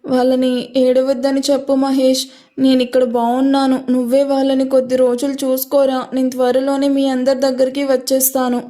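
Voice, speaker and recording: A woman voicing a young, tearful bride who speaks softly through sobs in a narrated story. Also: high voice, completely flat delivery, moderate pace, lightly acted.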